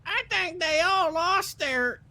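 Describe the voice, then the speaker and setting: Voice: extremely high pitch, slow, bright, forceful tone, full character voice. A roleplay player putting on a disguised voice as a mocking, drawling kidnapper who calls people feller.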